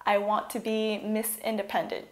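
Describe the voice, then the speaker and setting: A young adult university student from California, USA, gives a casual presentation about her studies, often saying "like" and "um." Her medium-pitched voice is monotone at normal speed, in an echoey room.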